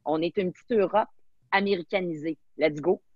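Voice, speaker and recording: A woman's voice: fairly low pitch, moderate pace, a little mellow, husky, no echo, highs cut off. A woman from Quebec with a Québécois French accent, speaking enthusiastically as a guest in a webinar interview and mixing in English words.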